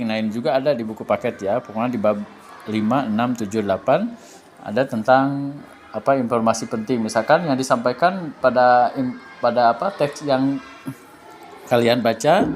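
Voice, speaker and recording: A male teacher going over an exam study guide in a loose, chatty way, with lots of fillers and restarts. His voice sits at an ordinary middle pitch. A faint hum of noise runs under the recording. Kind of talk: casual exam review lesson.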